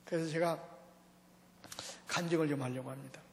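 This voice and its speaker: A man preaching a revival sermon, talking fast and firing rhetorical questions at the congregation. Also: on the high side, fairly even intonation, a little hiss or hum. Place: large church hall. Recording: long reverb of a large church hall.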